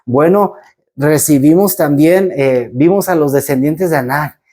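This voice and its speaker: A man's voice: fairly high pitch, measured pace, dark tone. A man acting out a group of frightened scouts in a retold scripture story. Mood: fearful. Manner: fearful, pleading.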